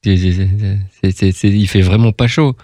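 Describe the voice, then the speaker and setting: Chatty upbeat guy hosting, kinda low voice, dry close mic. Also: fairly even intonation, moderate pace, warm tone, no room sound. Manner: chatty, upbeat, repeats himself. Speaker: radio host. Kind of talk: casual radio interview.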